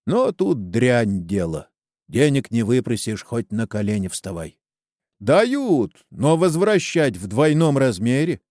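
A man's voice: mid-range voice, sing-song, slow, darkish tone, no room sound, clean studio sound. A man voicing a weary, indebted peasant farmer who talks in a rueful, plain-spoken way, in a storybook reading.

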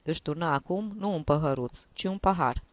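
Give me a man narrating an audiobook with a slightly high voice. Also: no room sound. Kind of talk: scripted narration.

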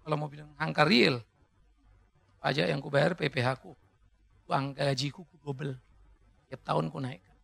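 A man preaching a sermon as pastor, lively, joking with the congregation and rising to shouted climaxes. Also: fairly high pitch, normal speed, gravelly, pauses often.

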